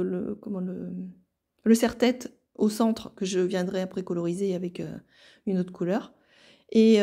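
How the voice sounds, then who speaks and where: A French woman calmly narrating a watercolour card tutorial in a casual way, with many fillers and restarts. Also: mid-range voice. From France. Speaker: card-making artist.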